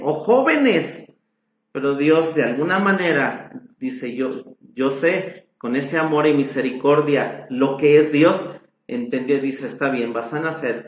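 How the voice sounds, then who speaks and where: A man preaching a sermon as pastor, reading scripture in long drawn-out phrases and adding frequent amens. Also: mid-range voice. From Mexico. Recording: echoey room sound.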